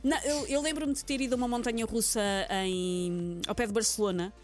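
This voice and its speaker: A woman's voice: a little high, fairly even intonation, brisk, a little mellow, soft background music. A woman with a European Portuguese accent presenting casual comedic radio commentary in a playful, wry way. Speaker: radio humour segment presenter.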